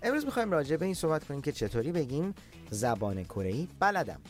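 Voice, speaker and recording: In an online lesson, a man teaches Korean patiently, repeating words for learners and sometimes slowing right down to spell a word syllable by syllable. His pitch is fairly high with big swings, and faint music plays behind.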